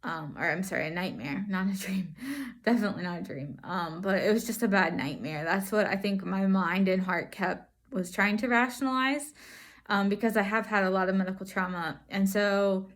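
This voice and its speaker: A woman speaks from behind a face mask in a mid-pitched voice. She gives an earnest personal account to viewers, reflective and halting, often pausing to find her words. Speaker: vlogger sharing stroke recovery. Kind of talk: personal testimony to camera.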